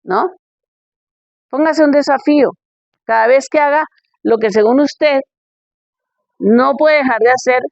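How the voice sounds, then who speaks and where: Woman preaching, high voice, reads bible verses, keeps asking "ok?", dull dry recording. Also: no room sound. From Colombia.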